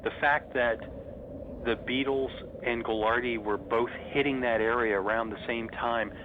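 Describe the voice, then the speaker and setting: A man's voice: medium pitch, steady tone, normal speed. Middle-aged man on a noisy phone-like line. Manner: enthusiastic fan's reminiscing. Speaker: interview guest, horror host. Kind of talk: casual interview storytelling.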